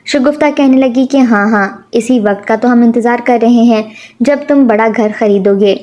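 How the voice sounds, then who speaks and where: Mellow woman telling an emotional story. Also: on the high side. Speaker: narrator. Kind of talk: storybook narration.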